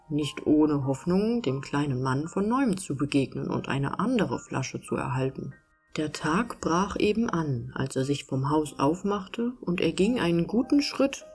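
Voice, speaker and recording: A woman reading a fairy tale aloud in a calm, soothing storytelling manner, as an audiobook reader. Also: low voice.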